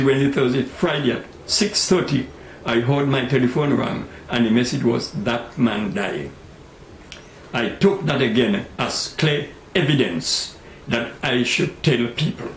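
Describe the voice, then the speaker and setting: A very old man in his nineties with a Tobagonian accent, telling his life story in an interview in deliberate, earnest phrases with pauses. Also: medium pitch. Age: 90s. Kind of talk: oral history storytelling with scripture quotes. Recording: echoey room with faint background noise.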